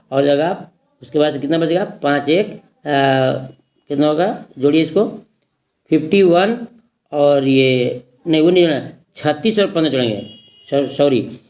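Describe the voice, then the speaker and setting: A man with a Bihari Hindi accent teaching an exam-prep grammar lesson, repeating points and quizzing his students with questions. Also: on the high side.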